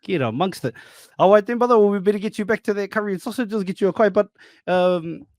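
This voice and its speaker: A man's voice: high voice, quick pace, no echo, clean studio sound. A man with a broad New Zealand accent hosting a podcast as a casual chat, talking in a jokey, matey way full of slang. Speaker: podcast host.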